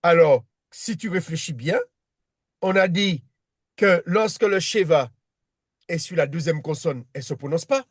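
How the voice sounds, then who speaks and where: High-voiced man teaching patiently. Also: expressive, a little slow, breathy edge, no room sound, studio quality. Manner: patient, repeats himself, many restarts. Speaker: Hebrew reading teacher. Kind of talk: one-on-one lesson.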